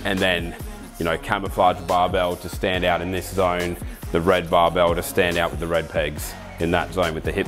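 A man in his thirties with an Australian accent talks the camera through his garage gym in a relaxed, upbeat way, adding asides as he goes. His voice sits on the low side, with faint music beneath. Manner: relaxed, enthusiastic, explains with asides. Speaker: fitness ambassador giving a gym tour. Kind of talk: casual walkthrough to camera. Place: home garage gym with roller door, indoors.

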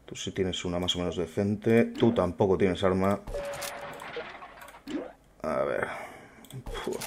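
A man's voice: low voice, takes it slowly, noisy background. A young man muttering wry commentary to himself while playing a game. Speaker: gameplay streamer. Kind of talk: casual gameplay commentary.

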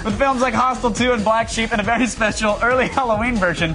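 A man's voice: very high-pitched, quick pace, rough recording. A young man co-hosting a TV studio show, reading links and throwing in teasing, jokey banter. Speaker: TV show co-host. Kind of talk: teleprompter links and joking banter. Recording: music behind the voice.

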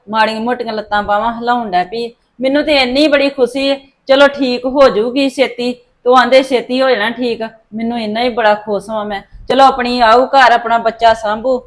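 A woman's voice: on the high side, lightly acted. A woman playing an aggrieved, long-suffering mother of grown children in a family drama. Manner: complaining. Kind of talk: dramatic dialogue in a family serial.

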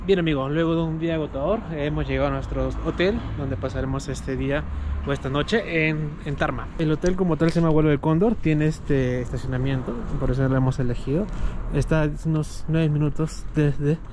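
A man talks through his road trip in a relaxed, rambling way, leaning on fillers as he goes. His voice sits a little high. The recording is noisy, with clear outdoor sound behind him. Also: fairly quick. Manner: chatty, loose, with many fillers like "este" and "eh". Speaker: travel vlogger. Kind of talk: casual travel vlog commentary. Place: outdoors and on the road while traveling.

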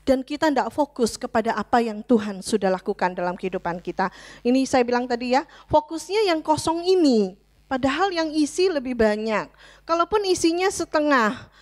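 High-voiced woman preaching a sermon. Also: no room sound. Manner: conversational preaching, mixing in English phrases, tells jokes. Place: church hall.

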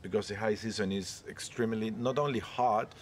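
A Peruvian man in his forties, a cruise ship photographer, chats casually and rambles in non-native English during a street interview in a leafy outdoor courtyard. His voice is fairly low and steady, his pace brisk, with a little hiss or hum in the audio.

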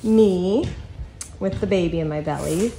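This American woman in her thirties, a parent vlogger, speaks in a lowish, mellow voice at a measured pace while chatting casually to her handheld phone. She films inside her home before heading out to the yard and driveway, and background noise is clearly audible.

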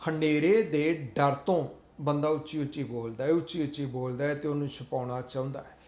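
Guy giving a motivational talk, kinda high voice, repeats stuff earnestly, echoey room. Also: fairly even intonation, normal speed, darkish tone. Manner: earnest, repetitive, sermon-like delivery. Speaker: motivational speaker.

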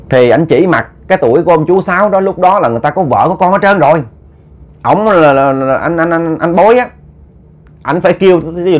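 Animated man storyteller. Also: a little high. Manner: animated, stammering repeats while acting out scolding quotes. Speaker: ghost story narrator. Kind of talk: casual spoken storytelling.

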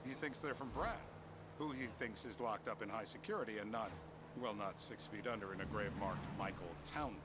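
A man's voice: fairly low pitch, fairly quick, background noise, lightly acted. A man playing an evasive federal agent in a game, controlled and matter-of-fact. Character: evasive, self-justifying male federal agent.

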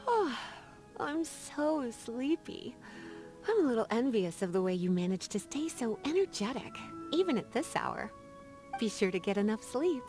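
Lisa, languid flirty sorceress, swooping pitch. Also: female voice, very animated. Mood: sleepy. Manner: languid, teasing, breaking into sighs and drawn-out words. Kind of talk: video game character dialogue. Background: background music.

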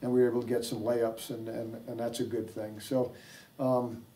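A man's voice: mid-range voice, level tone, moderate pace, dark tone, far from the mic, slight background noise. An older man, a head coach, answering press questions after a game, rambling with many fillers and restarts. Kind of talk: postgame press conference answers. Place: press room with sponsor backdrop, seated at table. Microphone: table mic, heard from a distance.

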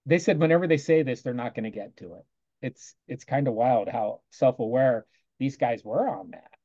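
A man teaching on a video call, casually recounting a classroom lesson and quoting himself with soft asides. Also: mid-range voice, normal speed, no echo, dull audio. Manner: conversational, quotes himself often with "I go", soft asides.

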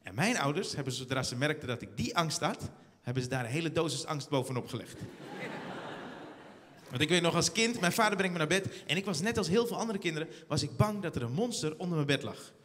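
A man performing a stand-up comedy routine on a theater stage, telling stories in an animated way. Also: a little high, fast, a little hiss or hum. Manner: animated storytelling, acts out scenes. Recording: theater hall reverb.

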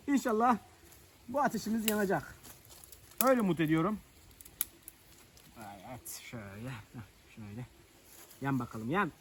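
A man's voice: fairly high pitch, expressive, a little slow, pauses often, slight background noise. A man vlogging outdoors in the countryside, chatting and joking with viewers while he lights a fire. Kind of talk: casual chat to camera. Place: outdoors in rural nature.

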